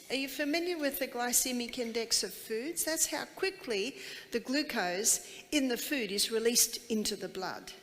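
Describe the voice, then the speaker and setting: A woman's voice: a little high, fairly bright tone, slight background noise. Woman, seminar speaker, quizzes the crowd emphatically; reverberant hall sound. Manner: emphatic, asks many rhetorical questions. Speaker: health educator giving a seminar. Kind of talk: live lecture to an audience.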